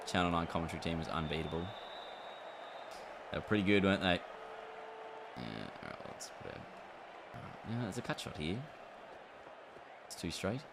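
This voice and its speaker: Male streamer, deep voice, chatty play-by-play over a game, steady background noise. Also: moderate pace, pauses often. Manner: chatty, reacts aloud to the game and answers chat. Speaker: gaming streamer. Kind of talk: casual livestream chat while playing.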